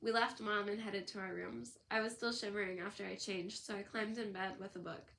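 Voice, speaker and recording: Woman audiobook narrator, bright tone, steady storytelling read. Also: mid-range voice, brisk, gravelly, slight background noise. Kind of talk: scripted narration.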